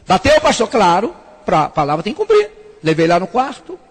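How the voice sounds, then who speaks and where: High-voiced pastor preaching in a reverberant hall. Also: male voice, fairly quick. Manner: animated preaching, acting out quoted voices. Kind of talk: sermon to couples.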